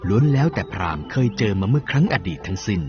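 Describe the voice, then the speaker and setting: A man voicing a calm, wise spiritual teacher in a dramatised story, with a measured, didactic manner. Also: fairly low pitch. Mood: calm, questioning. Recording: dull lo-fi audio with clear music behind.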